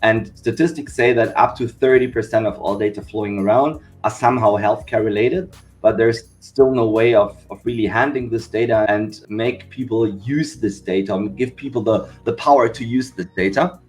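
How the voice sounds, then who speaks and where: A man's voice: on the low side, normal speed, faint music behind. A man from Germany, a company founder, explaining his work steadily in a podcast interview. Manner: steady explanatory, repeats "we said okay".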